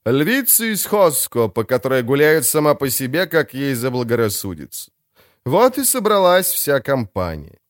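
Picture a sly, self-satisfied crime boss, smooth and expansive as he talks his way out of trouble, his pitch rising and falling freely. A man reads him in an audiobook, recorded dry and close. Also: huge pitch swings, moderate pace, no room sound. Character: vain sly older male crime boss. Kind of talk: audiobook character voice.

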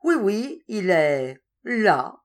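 A woman reading aloud, voicing a burly, slow male asylum guard who scolds bluntly. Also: medium pitch, very animated, a little mellow, breathy edge. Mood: gruff scolding.

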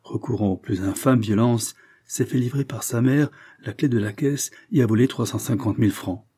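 A man reading as a grave, scheming gentleman. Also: mid-range voice, normal speed, husky, natural voice. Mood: grave formal. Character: scheming smooth-talking middle-aged gentleman.

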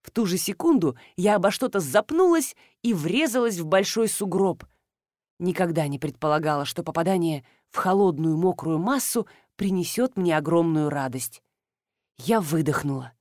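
Lively wry woman narrator. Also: on the low side, dry recording, studio quality. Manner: wry, brisk storytelling with animated dialogue. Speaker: audiobook narrator. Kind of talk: scripted first-person narration.

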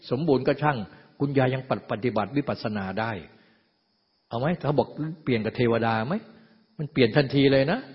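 A Buddhist meditation teacher, a man, gives a loose, conversational dharma talk and keeps firing rhetorical questions at the room. His voice is husky. The recording is dull and lo-fi, with a long reverb trailing off each phrase. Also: mid-range voice.

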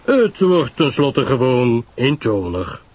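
A man voicing a precise, unhurried older foreign detective who talks in a calm, weary way. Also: mid-range voice, husky, pitched above the performer's own voice, exaggerated voice. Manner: calm, measured, faintly weary.

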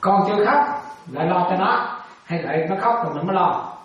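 A man's voice: sits high, animated, brisk, fairly bright tone, lo-fi sound. A man, a Buddhist monk giving a dharma talk, playfully quizzing and teasing his listeners with a chuckle. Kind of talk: dharma talk with audience questions. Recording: echoey hall, voice from a distance.

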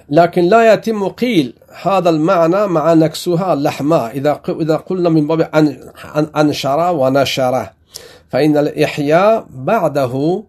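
Male teacher, non-native speaker, slightly high voice, halting classroom explanation. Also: a little mellow. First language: Pashto or Dari. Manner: slow, deliberate reading of quoted text with explanations; frequent self-corrections and restarts. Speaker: sheikh teaching Quran commentary. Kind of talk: classroom lesson.

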